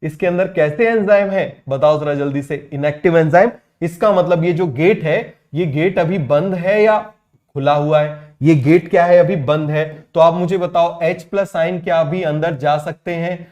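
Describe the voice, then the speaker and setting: A man teaching biology in a quick call-and-response lecture, firing questions at students and repeating each answer himself. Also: fairly high pitch, a little mellow.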